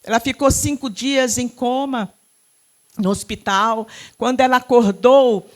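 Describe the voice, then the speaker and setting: A woman's voice: on the high side, unhurried. Fervent Brazilian woman pastor preaching. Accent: Brazilian Portuguese. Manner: impassioned, swinging from loud cries to hushed tones, speaking in tongues. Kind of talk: fervent Pentecostal sermon. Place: church sanctuary.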